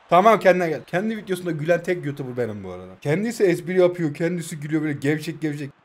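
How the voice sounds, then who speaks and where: A young man in his twenties, his voice on the high side, rattles off casual play-by-play over a mobile football game at great speed with hardly a pause. He jokes throughout, teasing both himself and his viewers in excited commentary.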